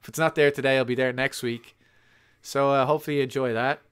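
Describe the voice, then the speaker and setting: A man co-hosting a casual movie commentary podcast, joking and teasing in quick bursts. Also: medium pitch, fairly even intonation, a bit bright, smooth. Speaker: podcast co-host.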